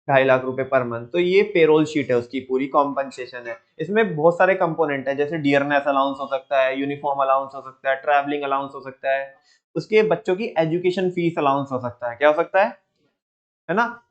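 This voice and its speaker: सवाल पूछता हुआ जोशीला पुरुष शिक्षक. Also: male voice, fairly high pitch, highs cut off. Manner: lively, keeps asking students quick repeat questions. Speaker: teacher. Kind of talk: classroom lecture.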